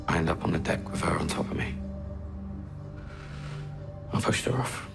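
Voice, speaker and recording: A gravelly, very low-voiced dealer, answering police questions in a flat, guarded way. Faint music runs beneath his words. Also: normal speed, exaggerated voice. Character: gruff young male drug dealer suspect in interrogation. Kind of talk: TV crime drama acting.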